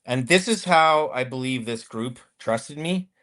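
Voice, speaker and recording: A man's voice: medium pitch, animated, a little slow, a bit bright. A man in his fifties, a former convoy accountant, telling his story in a casual interview, rambling with many restarts and fillers.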